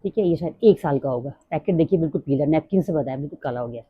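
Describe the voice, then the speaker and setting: A middle-aged woman talking fast and rambling in a casual personal vlog. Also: low voice, expressive, breathy edge, no echo. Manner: rambling, drifts off topic. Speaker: vlogger. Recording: dry, tinny phone-like sound.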